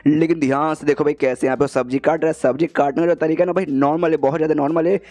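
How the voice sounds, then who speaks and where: A man's voice: on the high side, fairly even intonation, fast, a little mellow. A man retelling a comic story in a chatty, casual way, calling the listener "brother" again and again. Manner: chatty, says "bhai" in nearly every line. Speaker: manhwa recap narrator.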